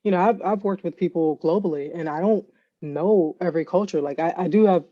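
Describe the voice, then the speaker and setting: A woman guest, an AI ethicist, talking casually in an interview and telling lively stories, laughing often and acting out quotes. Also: fairly low pitch, fairly quick, lo-fi sound. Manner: animated storyteller, laughs often, acts out quotes.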